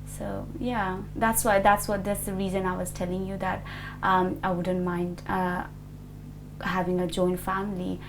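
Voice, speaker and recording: A woman's voice: mid-range voice, little pitch movement, measured pace, noisy background. A woman in her twenties from Nepal, answering an oral history interview hesitantly, with many fillers and restarts. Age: 20s.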